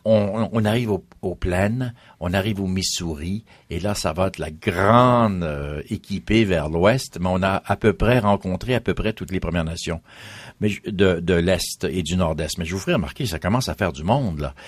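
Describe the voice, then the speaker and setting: A man with a very deep, low voice, talking as a history guest on a radio interview. He explains patiently and lists names one after another. The sound is dry and close, with no room around it. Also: moderate pace, dry recording.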